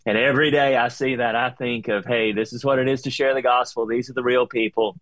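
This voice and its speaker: A man's voice: mid-range voice, steady tone, brisk, no echo, low-quality recording. A man with a Southern US accent, a pastor telling stories as a podcast guest, with frequent fillers. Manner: warm storytelling with frequent fillers. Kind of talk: conversational interview.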